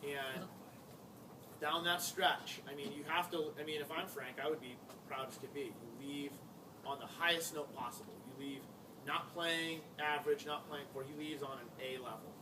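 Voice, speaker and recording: Male American basketball coach, informal tribute speech, conversational and emphatic, slightly high pitch, picked up by a distant mic. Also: steady tone, moderate pace. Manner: conversational, anecdotal, emphatic repetition. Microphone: distant microphone. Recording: noisy, distant-miked live room recording.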